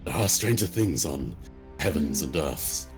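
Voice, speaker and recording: A man playing an earnest, courteous dragonborn, speaking in measured, hesitant, formal phrases in a tabletop game. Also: extremely low pitch, animated, over music, full character voice. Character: earnest, courteous male dragonborn raised by goblins.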